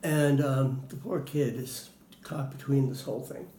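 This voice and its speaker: A man's voice: mid-range voice, fairly even intonation, measured pace, dark tone. Hesitant man in a roomy space. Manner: hesitant, many fillers. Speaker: interviewee. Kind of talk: casual interview answers. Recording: roomy with faint noise.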